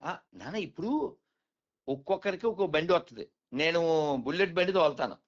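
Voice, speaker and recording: Lecturing man, slightly high voice. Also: animated, normal speed. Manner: lecturing, rhetorical questions, addresses listener as "naanna". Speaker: spiritual speaker. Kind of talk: explaining conversation. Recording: dull lo-fi recording.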